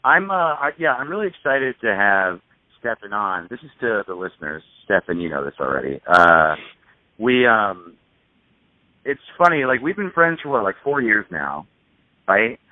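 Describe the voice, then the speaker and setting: Male host on a phone line, tinny and dry, lively and jokey. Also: on the low side, normal speed, dry recording. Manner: jokey, laughs easily. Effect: over the phone. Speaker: podcast host. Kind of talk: casual chat.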